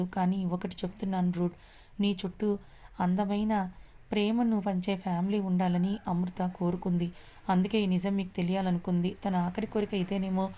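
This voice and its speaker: A woman's voice: mid-range voice, warm tone, close to an everyday voice. A woman reading the part of a caring young woman who comforts the hero, in a story.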